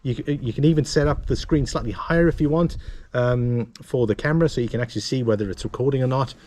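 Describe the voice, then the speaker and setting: A man presenting a casual gear walkthrough to camera, explaining things in a halting, self-correcting way. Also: medium pitch, darkish tone. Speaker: motovlogger and presenter.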